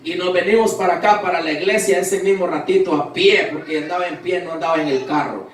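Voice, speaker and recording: A high-pitched man preaches a fervent testimony sermon, acting out conversations as he tells the story. His voice rings through a very echoey church hall and comes from some distance from the mic. The sound is a recording made inside the sanctuary. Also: a little fast, a little hiss or hum. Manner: fervent, storytelling with quoted dialogue. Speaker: pastor.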